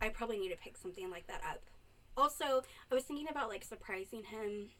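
A woman in her thirties with a Michigan accent hosting a casual podcast chat, loud, giggly and animated. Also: fairly high pitch, quick pace. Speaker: podcast host.

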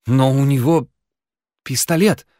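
A man's voice: mid-range voice, unhurried, dark tone, no echo, clean studio sound, voice pushed up, close to an everyday voice. A man doing a shaken, scornful woman.

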